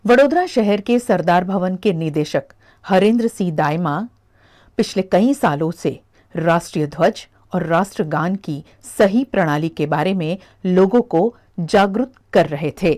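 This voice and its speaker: A woman reporter reading a scripted news voice-over in a measured, formal way. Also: fairly low pitch, a little mellow.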